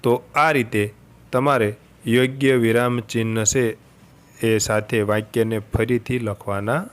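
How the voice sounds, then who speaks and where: A man's voice: medium pitch, steady tone, takes it slowly. A male teacher going through a revision lesson, patiently reading each item and then repeating the answer.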